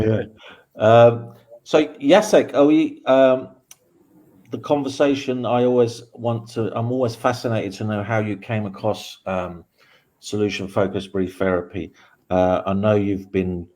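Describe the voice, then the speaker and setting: A man's voice: fairly low pitch, a little slow, dark tone. A man hosting an online interview, welcoming guests in a chatty, easygoing way over a video call. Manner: friendly, chatty, laughs easily. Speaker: host. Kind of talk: casual interview.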